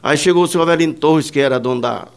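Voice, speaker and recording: A man's voice: fairly high pitch, fast talker, clean tone. A man, a musician and producer, telling rambling anecdotes in a casual interview, full of fillers and quoted dialogue.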